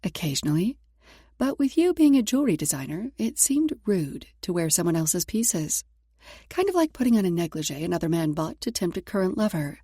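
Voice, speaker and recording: A woman's voice: lowish voice, very animated, brisk, dark tone, breathy edge, dry recording, studio quality. A woman voicing a cool, teasing seductress in a romance audiobook with a sultry manner. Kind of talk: audiobook character voice.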